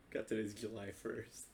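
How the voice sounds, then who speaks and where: A man under twenty-one in a casual chat with friends, defensive and excitable, swearing often. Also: fairly low pitch, creaky. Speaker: podcast co-host.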